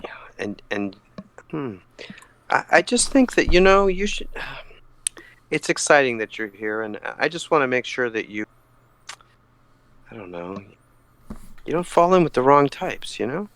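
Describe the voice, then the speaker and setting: Man playing an earnest awkward bard, halting stammer, repeated words, very lively pitch, medium register, tabletop role-play. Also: dry recording. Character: earnest, awkward, curious cat-folk lore bard.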